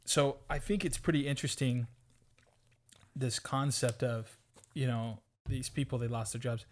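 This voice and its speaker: A man's voice: medium pitch, steady tone, a little slow. A man co-hosting a podcast in casual motivational chat, earnest and upbeat, often repeating words as he thinks. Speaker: podcast co-host.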